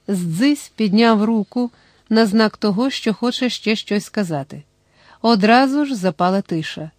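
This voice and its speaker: A woman narrating a novel as an audiobook in a steady storytelling manner. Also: mid-range voice, no room sound.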